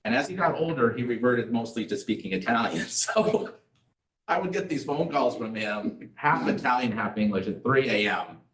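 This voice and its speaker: Giving a relaxed educational talk to a community class, this middle-aged man speaks conversationally, weaving in stories and rhetorical questions. His medium-pitched voice is a bit bright with lively intonation at normal speed, recorded from a distance, off-mic, in an echoey room.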